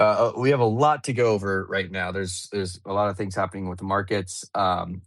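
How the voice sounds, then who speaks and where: Man as host of an online audio panel, low voice, loose and chatty, dry close sound. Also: no room sound. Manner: relaxed, chatty, many fillers and restarts. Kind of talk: live audio panel hosting. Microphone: remote audio call.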